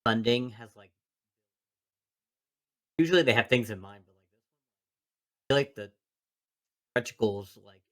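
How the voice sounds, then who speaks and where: Bright-voiced musing man. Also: mid-range voice, expressive, measured pace, long pauses. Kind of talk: casual chat.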